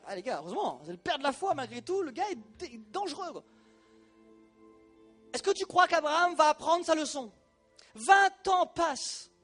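A male preacher giving a sermon, animated and colloquial, talking straight to the congregation. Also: very high-pitched, a little fast, faint music behind.

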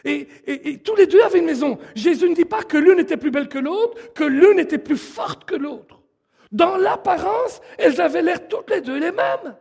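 A man's voice: extremely high pitch, animated, normal speed, vocal fry, a little mellow. A man preaching a sermon in an emphatic way and leading the congregation, recorded in a church hall. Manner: emphatic, leads the congregation in song. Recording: long hall reverb.

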